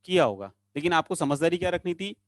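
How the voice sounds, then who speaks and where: A man with a slightly high voice teaching a chemistry class online. He coaxes his students along, repeating short phrases in a sing-song lilt, recorded close and dry. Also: expressive, fast, no room sound.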